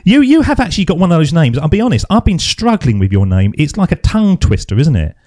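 A man's voice: on the high side, fast, dry recording. An English man hosting a podcast interview, chatting in a joking, easygoing way over an internet call. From England. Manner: chatty, jokey, lively. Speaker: podcast host. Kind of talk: casual interview chat. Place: home garden studio. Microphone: internet call recording.

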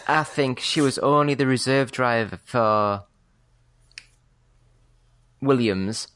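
A man's voice: medium pitch, slow. British guy co-hosting a podcast, chill and chatty, hedges a lot. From Britain. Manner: relaxed, chatty, hedging. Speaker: podcast co-host. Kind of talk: casual chat.

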